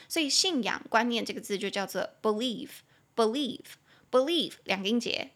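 A young woman with a Taiwanese Mandarin accent hosting a podcast English lesson, spelling words out letter by letter and repeating key words slowly with chatty, playful explanations. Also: fairly high pitch. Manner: chatty, lively explanations with playful acted examples. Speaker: English teacher and podcast host.

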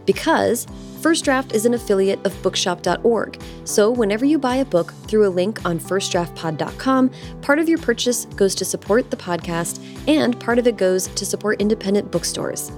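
A woman's voice: mid-range voice, lively intonation, moderate pace. Young woman podcast host, bubbly and eager, faint music under her voice. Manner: bubbly, enthusiastic. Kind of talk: podcast host read and interview.

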